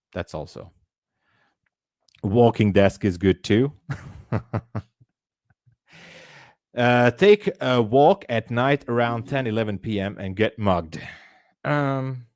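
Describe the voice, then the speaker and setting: A man's voice: fairly low pitch, no echo, studio quality. A man from Hungary hosting a live trading stream, chatting casually, laughing often and thinking aloud. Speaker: livestream trading host.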